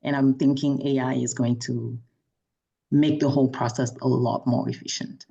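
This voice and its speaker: A woman from Cameroon, introducing herself on a video call in a measured, orderly way. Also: extremely low pitch, flat delivery, vocal fry, warm tone, slightly rough. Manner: measured, orderly, lists her skills. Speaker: management consultant, call participant. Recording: dull lo-fi call audio.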